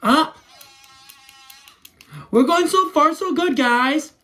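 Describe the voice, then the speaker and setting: A young adult man with a very high, bright voice and a forceful tone takes his time as he casually narrates himself handling toys. It's a hands-on demo for his home vlog as a toy video creator, shot in a small room at home; the audio is noisy and has clicks.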